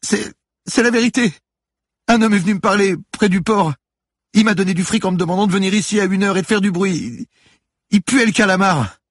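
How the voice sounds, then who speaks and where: A man's voice: sits high, a little fast, no echo, studio quality, pitched above the performer's own voice. A man voicing a frightened teenage boy who stammers and pleads through tears. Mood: terrified pleading. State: crying.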